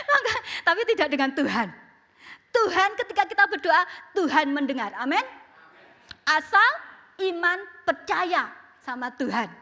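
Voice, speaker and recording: Bright high-voiced woman preaching. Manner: lively, expressive storytelling. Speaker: pastor. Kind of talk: sermon with storytelling. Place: church. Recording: reverberant church hall with music.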